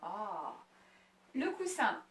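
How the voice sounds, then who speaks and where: Woman coaching pilates, slow and easy, sounds far from the mic in an echoey room. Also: medium pitch. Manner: calm counting of breaths, joking asides. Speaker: fitness instructor. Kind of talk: guiding a Pilates class.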